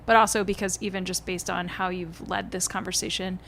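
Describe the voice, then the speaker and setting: A woman's voice: on the low side, flat delivery, brisk, gravelly, fairly bright tone, a little hiss or hum. A woman hosting a podcast, asking questions in a friendly way and laughing easily. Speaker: podcast host. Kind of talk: conversational interview.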